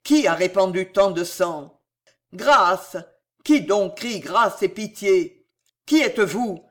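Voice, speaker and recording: A man voicing a delirious dying king, high and frantic. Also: slow, a bit bright. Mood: terrified. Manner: frantic pleading cries, voice swelling and breaking. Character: dying young king, delirious, terrified, haunted by guilt. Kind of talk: dramatic reading of a historical novel.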